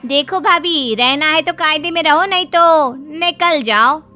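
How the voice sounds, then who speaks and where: A woman's voice: sits high, animated, normal speed, sharp tone, soft background music, pitched above the performer's own voice. A woman voicing a blunt young woman who scolds her sister-in-law in a cartoon story. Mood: stern. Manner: stern, scolding.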